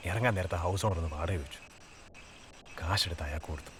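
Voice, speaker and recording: Curt hot-tempered customer. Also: male voice, low-pitched, fairly bright tone, slight background noise. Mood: irritated. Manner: curt, rapid, irritated. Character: proud short-tempered young male customer.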